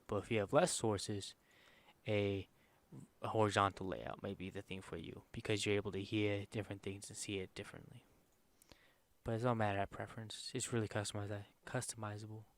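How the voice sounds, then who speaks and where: A man streaming a software tutorial narrates his screen recording in a soft, quiet voice that sits a little low. He rambles informally, relies on fillers, and frequently halts partway through phrases to correct himself.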